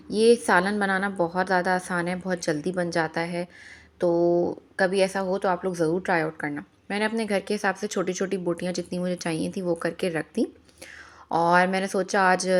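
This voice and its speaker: A homemaker woman narrates her chores in a voice-over, her voice sitting a little low. She talks in a chatty, advising way and drops English phrases into her speech. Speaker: homemaker vlogger.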